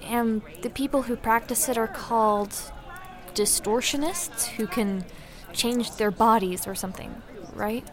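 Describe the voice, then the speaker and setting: A woman's voice: on the high side, a little slow, natural voice. A woman playing an awkward, earnest young barmaid in a fantasy audio drama, musing hesitantly. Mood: unsure. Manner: hesitant, musing, self-doubting. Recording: roomy echo, faint background noise.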